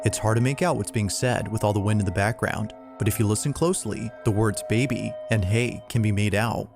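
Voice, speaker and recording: A man narrating a scary video compilation in a measured, scripted way. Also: lowish voice, vocal fry, over music. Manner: measured storyteller.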